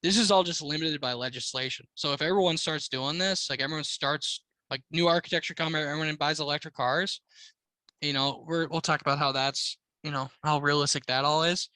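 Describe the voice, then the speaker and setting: A man's voice: a little high, fairly even intonation, brisk, bright, forceful tone, no echo. An American man co-hosting a casual podcast, talking like a slangy, swearing frat bro. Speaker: car podcast co-host.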